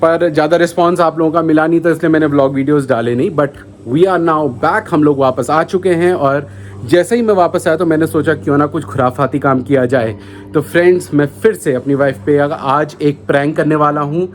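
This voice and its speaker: A man's voice: a little high, fairly quick, a little hiss or hum. Insistent young man, casual vlog talk. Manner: grumbling, insistent, repeats himself. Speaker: vlogger pranking his wife. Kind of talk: casual vlog chat and staged argument.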